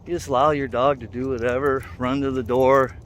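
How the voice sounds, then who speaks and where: A man's voice: medium pitch, level tone, brisk. A man talking casually while out walking, in a rambling, plain-spoken, conversational way as a dog trainer making a vlog. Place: outdoors, walking in a neighborhood. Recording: outdoor ambient street noise.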